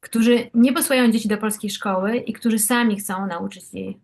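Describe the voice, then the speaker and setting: A woman interviewing a guest in an easygoing chat. She asks her questions haltingly, restarting and rephrasing them before she gets to the point. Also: medium pitch, steady tone, vocal fry, a little mellow, slight background noise. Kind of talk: conversational interview.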